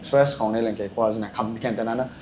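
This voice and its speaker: A man talks at a quick clip as a podcast guest, spinning loose, rambling stories full of filler sounds. His voice bounces around an echoey room, with a faint ambient hum underneath. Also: on the low side, fairly even intonation, dark tone. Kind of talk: casual podcast chat.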